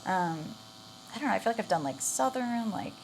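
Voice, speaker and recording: A young woman from Canada, chatting as a guest in a relaxed way full of "like" fillers. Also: medium pitch, a little fast, gravelly, a little hiss or hum. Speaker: guest actor. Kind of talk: casual interview chat.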